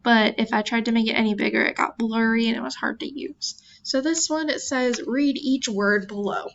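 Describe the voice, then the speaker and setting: Woman, teacher, virtual lesson, patient, sounds out words, gravelly, dull lo-fi computer mic. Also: on the high side, steady tone, normal speed, a bit bright. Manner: chatty self-deprecating asides.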